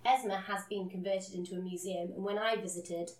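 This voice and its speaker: A woman co-hosting a podcast tells a story casually and earnestly, now and then laughing at herself. Her voice is medium-pitched, steady and a little fast, recorded in a roomy space a bit distant from the mic.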